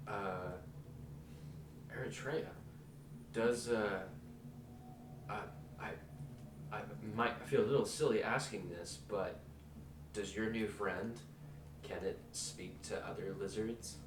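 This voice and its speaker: A man playing a tabletop game, joking and talking in halting, playful bursts. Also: fairly low pitch. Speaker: player. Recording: distant mic, echoey room, noise.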